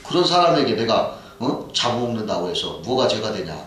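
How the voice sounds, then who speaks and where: A preacher doing a greedy, menacing tiger. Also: male voice, lowish voice, big pitch swings, fairly quick, fairly bright tone. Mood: defiant. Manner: blunt, threatening storybook speech. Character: ungrateful hungry male tiger, menacing and sly. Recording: echoey church hall, mic far off.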